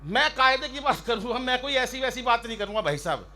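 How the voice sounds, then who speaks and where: A man performing as a comic poet on stage, ribbing fellow poets and telling jokey stories in a loud, teasing manner. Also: very high-pitched, very animated, fast, very noisy. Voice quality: loud, ribbing, storytelling with mock shouts. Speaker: stand-up poet. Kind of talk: humorous poetry recital banter. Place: outdoor stage by a river.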